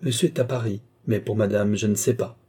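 A man's voice: lowish voice, fairly even intonation, fairly quick, mellow, husky. A man reading as a curt old housekeeper woman. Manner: short, dry replies.

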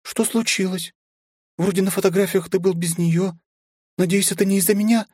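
A man's voice: fairly even intonation, normal speed, a little mellow, husky, no room sound, clean studio sound. A man doing a commanding young noblewoman. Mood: earnest. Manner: high falsetto, firm and imperious. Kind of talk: audiobook character voice.

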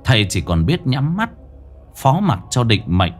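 A man telling a ghost story as dramatic, expressive scripted narration. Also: mid-range voice, measured pace, soft background music.

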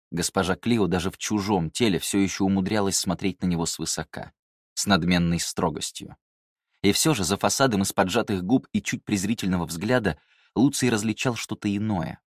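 Deep-voiced male audiobook narrator. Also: dry recording, studio quality. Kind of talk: scripted narration.

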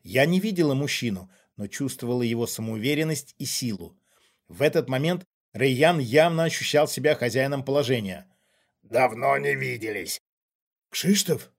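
A man reading a first-person story as an audiobook narrator in a steady, even manner. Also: mid-range voice. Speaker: audiobook reader.

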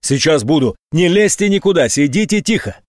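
A man voicing a brusque male police major who gives curt, loud orders, in an audiobook. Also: a little high, expressive, fairly quick, dry recording, studio quality, lightly acted. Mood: commanding.

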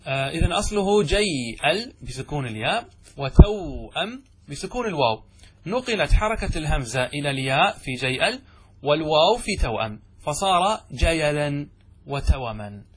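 A man's voice: a little high, sing-song, fast talker, a bit bright, slight background noise. A middle-aged man teaching classical grammar, explaining step by step and answering his own questions. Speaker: sheikh teaching Arabic grammar.

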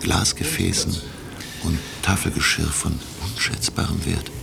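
An actor playing a grave, inquisitive professor in a German radio drama, speaking deliberately and formally in a hushed way. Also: male voice, low-pitched, vocal fry, background noise, full character voice. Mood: curious, reflective. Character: grave, inquisitive male professor, narrating his sea adventure. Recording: music behind the voice.

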